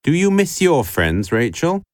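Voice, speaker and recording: A smooth radio host, played by a man, welcomes callers with a lively, rising and falling voice. The sound is dry and close, with no room around it. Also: fairly high pitch, a little slow, no echo. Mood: friendly. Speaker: radio call-in show host. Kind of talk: scripted educational dialogue.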